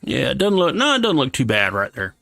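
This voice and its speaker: Male streamer, mid pitch, slight lisp, halting think-aloud delivery, dry close mic. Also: huge pitch swings, creaky, pushed and bright, no room sound. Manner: thinking aloud, halting, talks himself through small decisions. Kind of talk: casual livestream commentary while working.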